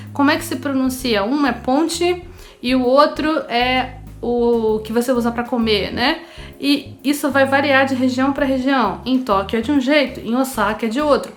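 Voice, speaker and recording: A woman's voice: high-pitched, fairly bright tone. A woman from Rio de Janeiro with a Carioca accent, a language teacher giving a chatty online lesson straight to her viewers. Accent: Carioca Brazilian Portuguese. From Rio de Janeiro, Brazil. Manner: chatty, addresses viewers directly.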